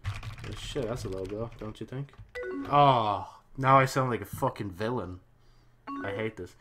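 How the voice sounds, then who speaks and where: Young guy playing a game and reacting, swears a lot, bright edgy voice. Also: on the low side, measured pace, faint music behind. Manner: talks to himself while choosing dialogue options. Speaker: gaming channel host. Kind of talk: let's-play commentary.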